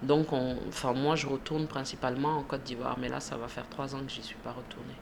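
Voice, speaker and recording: This is an Ivorian woman in her thirties, a shop manager, giving hesitant radio interview answers peppered with fillers and laughter. Her very deep, gravelly voice stays level in tone and moves fairly quickly over background noise.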